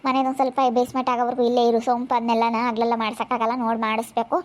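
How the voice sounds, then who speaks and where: Woman, high voice, quick talk, family vlog chat. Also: completely flat delivery. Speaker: family vlogger.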